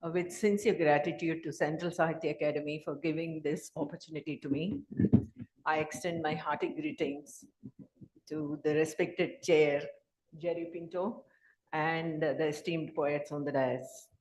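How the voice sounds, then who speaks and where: A woman poet giving a formal, measured prepared speech at a literary event. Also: low voice, steady tone, a little mellow. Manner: slow, measured, formal delivery. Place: hall. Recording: echoey hall.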